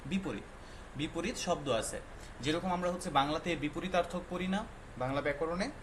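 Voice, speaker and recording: A man's voice: on the high side, moderate pace, slight background noise. A male teacher patiently explaining a lesson to young children, quizzing them often and mixing English words into his explanations. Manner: patient, quizzing with frequent questions.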